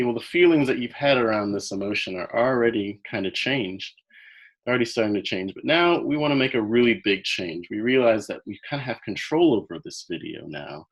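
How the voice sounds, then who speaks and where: Deep-voiced man guiding a visualization. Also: rough recording. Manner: slow, soothing, drawn-out phrasing with soft trailing ends. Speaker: coach leading a guided visualization. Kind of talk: guided visualization.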